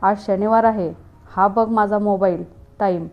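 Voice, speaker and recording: Woman reading a rough scolding police officer. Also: medium pitch, steady tone, measured pace, lo-fi sound, faint music behind, lightly acted. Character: harsh, abusive male police officer.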